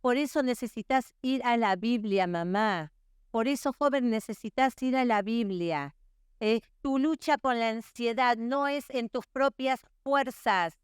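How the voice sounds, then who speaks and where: A woman's voice: a little high, unhurried, smooth, dry recording, clean studio sound. A middle-aged woman, preaching earnestly at a women's conference and often checking in with her listeners. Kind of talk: sermon.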